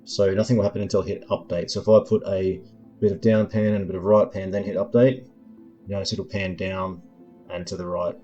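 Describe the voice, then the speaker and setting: A man demonstrating his own app in a screen-recording tutorial, explaining each control in an unhurried way, with lots of ums and uhs as he thinks aloud. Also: sits low, flat delivery, warm tone, lo-fi sound, faint music behind. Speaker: developer demoing his app.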